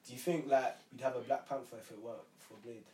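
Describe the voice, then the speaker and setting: A man's voice: mid-range voice, steady tone, fast, a little mellow. Young London roadman, roomy distant recording. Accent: London roadman, multicultural urban slang. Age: young adult. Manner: slangy London roadman talk, rambling. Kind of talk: casual banter and storytelling. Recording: roomy, distant mic, faint background noise.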